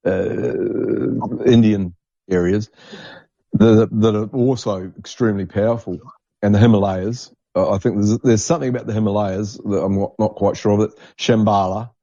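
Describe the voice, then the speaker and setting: Speaking at a normal pace in a lowish, creaky, warm voice with a steady tone, a man hosts a casual podcast chat, enthusiastically repeating himself to drive points home. The lo-fi recording is dull and dry, without echo.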